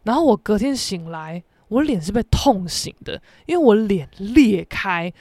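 A young woman, hosting a podcast and telling a story in a lively, dramatic, self-mocking way. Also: medium pitch, normal speed, no room sound. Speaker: podcast host. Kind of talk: casual storytelling monologue.

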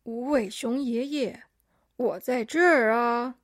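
A woman's voice: on the high side, takes it slowly, no room sound, clean studio sound. A woman doing a weary sighing chameleon. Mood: resigned. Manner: sighing, resigned. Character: weary polite male chameleon chairman.

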